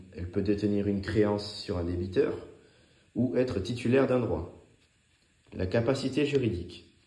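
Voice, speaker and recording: Reading scripted study notes for a law revision lesson, a man delivers them point by point in a clipped, teacherly way. His voice is mellow and fairly low, and the recording has an echoey, roomy sound.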